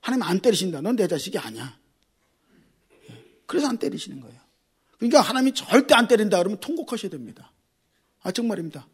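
A middle-aged man preaching a sermon as a pastor, animated and swinging between loud exclamations and quiet asides. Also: sits high, racing, husky.

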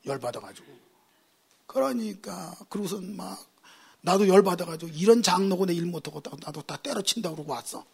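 A man's voice: high-pitched, expressive, a little fast, vocal fry, a little mellow, husky. A male pastor preaching a sermon, telling humorous stories and driving points home with emphatic repetition.

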